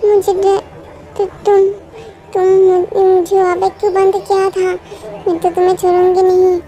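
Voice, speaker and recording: A woman's voice: very high voice, completely flat delivery, moderate pace, dark tone, poor audio. Woman voicing a feisty young trainee doctor, Kim Taeyong. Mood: defiant. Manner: quarrelsome, defiant, threatening. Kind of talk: fan-made story dubbing.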